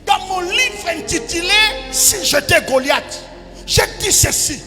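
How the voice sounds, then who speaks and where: A male pastor preaching a sermon, swinging between loud shouted cries and quiet asides. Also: very high-pitched, lively intonation, a little slow. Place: large church hall. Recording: church hall reverb with music. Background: music.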